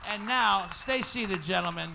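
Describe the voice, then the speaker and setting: A man's voice: sits high, unhurried, gravelly, over a noisy crowd, heavy background noise. A man hosting a live comedy podcast on stage, playful and teasing as he hypes the audience. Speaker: podcast host.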